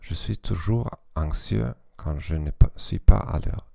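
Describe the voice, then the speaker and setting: A man from Germany, a native German speaker, hosting a scripted educational podcast in halting, stilted non-native French with a German accent. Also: deep voice, gravelly, warm tone, no echo, studio quality. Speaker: podcast host.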